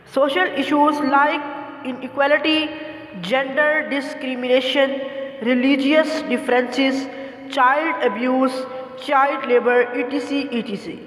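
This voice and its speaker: High-pitched earnest school speaker, heavy echo. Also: fairly bright tone. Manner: earnest, formal, recited delivery. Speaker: speech presenter. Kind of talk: prepared school assembly speech. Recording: echoey, long hall-like reverb.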